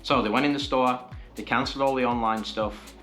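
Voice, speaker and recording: A man in the middle of a casual vlog, his voice sitting at an everyday mid pitch. He retells a string of frustrating phone calls, slipping into the voices of each side and letting his exasperation build. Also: fairly even intonation, brisk, fairly bright tone, faint music behind. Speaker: vlogger. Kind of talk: casual storytelling to camera.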